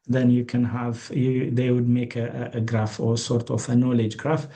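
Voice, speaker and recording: A man's voice: medium pitch, completely flat delivery, moderate pace, dark tone. A man from Ethiopia giving an online training lecture, hesitant, with many fillers and restarts.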